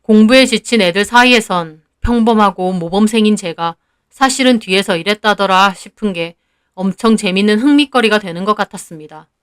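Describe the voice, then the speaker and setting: A woman narrating a first-person story in an even, measured storytelling manner. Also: medium pitch, clear, resonant tone.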